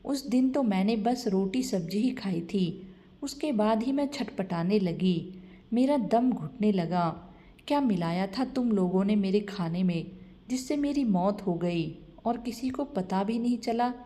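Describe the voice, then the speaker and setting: A woman's voice: medium pitch, lively intonation, a little slow, dark tone, lightly acted. A woman voicing a vengeful mother-in-law ghost. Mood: menacing. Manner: menacing, accusing.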